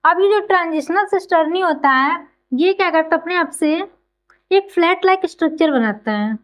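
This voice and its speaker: Woman with a very high voice who teaches by everyday comparisons and quick questions she answers herself. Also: animated, rough recording. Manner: keeps asking and answering her own questions. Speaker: biology teacher. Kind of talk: explanatory classroom lecture.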